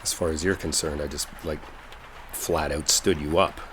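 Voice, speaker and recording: Acting a sincere, lovestruck coworker set on clearing up a misunderstanding, a man delivers a halting, colloquial confession in this one-sided dramatic roleplay audio. His bass voice is steady and a bit bright, tender and regretful, backed by rainstorm ambience and slight background noise.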